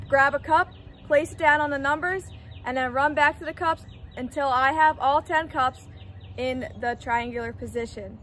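A woman's voice: high-pitched, fairly bright tone, a little hiss or hum. A young woman P.E. teacher explaining a game step by step, recorded outdoors on a driveway by a camera at mid distance. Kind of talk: instructional demonstration. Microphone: camera on a tripod at mid distance.

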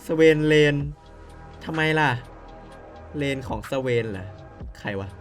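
A man playing a story game, reading its text aloud and dropping in quick puzzled asides to viewers. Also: on the high side, animated, soft background music. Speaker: game streamer.

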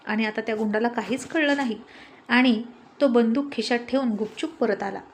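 Expressive woman narrating a story. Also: on the high side, moderate pace. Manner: vivid, expressive reading.

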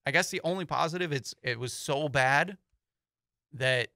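Bright-voiced young man talking sports. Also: a little high, moderate pace, gravelly, dry recording, studio quality. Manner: easygoing, rambling with fillers. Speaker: sports show co-host. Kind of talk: casual sports talk. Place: small studio with foam panels. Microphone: studio mic on boom, headphones.

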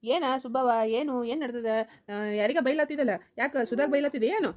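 A woman's voice: high-pitched, normal speed, a little mellow, no room sound, lightly acted. A woman voicing an exasperated old grandfather who chides his wife, with a North Karnataka Kannada accent. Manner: exasperated, chiding.

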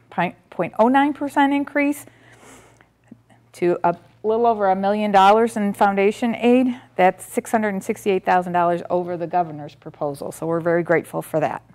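Picked up by a far-off camera recording room audio, a middle-aged woman stands beside a projector screen in a board meeting room, going through the school district budget figures methodically at a public meeting. She often says um and restarts, speaking in a mid-range, slightly mellow voice.

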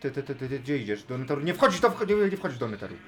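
A man commentating his own Minecraft play in casual, chatty talk, chatting to the animals and now and then shouting with excitement. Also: mid-range voice, very fast, faint music behind. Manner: chatty, talks to animals in game, bursts of excited yelling. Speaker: gaming YouTuber.

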